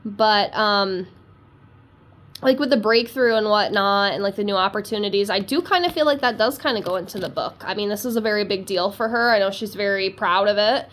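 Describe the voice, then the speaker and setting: With a stuffy nose from a cold, this tarot reader talks her way through a card reading in a loose, rambling, self-deprecating way, very talkative. Her mid-range voice is a bit bright, and her pace is fairly quick.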